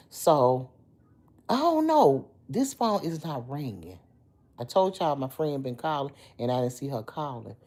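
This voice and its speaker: A middle-aged woman hosts a casual livestream, chatting with viewers and answering commenters by name. Her voice is deep, dark-toned, and a little hoarse.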